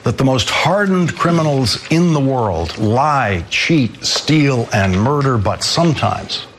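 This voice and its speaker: A man in his sixties hosting a news program, delivering a measured, emphatic commentary monologue. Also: mid-range voice, expressive, noisy background. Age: 60s. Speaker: news host.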